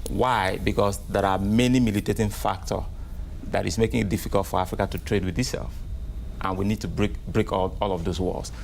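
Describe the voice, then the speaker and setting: A man answering as a guest in an interview, measured and often checking in with "right?". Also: lowish voice, steady tone, creaky, a little mellow, a little hiss or hum.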